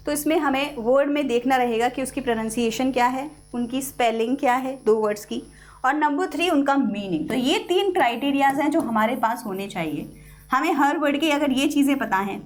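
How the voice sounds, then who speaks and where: A woman teacher with an Indian English accent giving an online English lesson, explaining step by step and repeating key words for her students. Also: high voice. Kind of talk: online class lecture.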